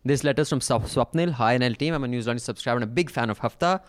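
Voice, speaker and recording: A man's voice: mid-range voice, rapid-fire, no echo, clean studio sound. A man with a North Indian accent hosting a podcast, chatting casually and reading out mail. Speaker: podcast host.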